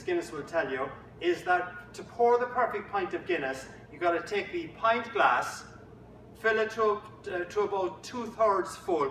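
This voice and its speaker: A man's voice: high voice, fairly bright tone, a little hiss or hum. An Irish man giving a humorous keynote speech, full of jokey storytelling and playful asides, recorded from a distance in an echoey conference room. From Ireland. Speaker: motivational keynote speaker.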